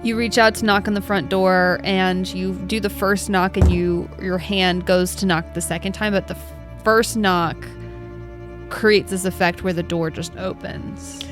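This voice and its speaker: A woman game master improvising scene descriptions for a tabletop game in a hesitant, halting way. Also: fairly low pitch, steady tone. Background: music.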